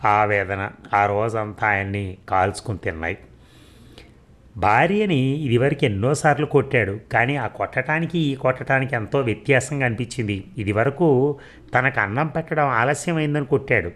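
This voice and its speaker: A man narrating a short story in a measured, steady reading voice. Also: medium pitch.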